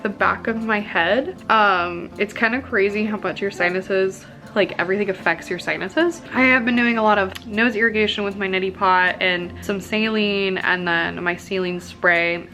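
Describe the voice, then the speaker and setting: A woman's voice: medium pitch, pushed and bright. A young woman vlogger chatting casually to camera, with a stuffy, congested nasal voice from a blocked nose after surgery. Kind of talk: casual recovery vlog talk to camera.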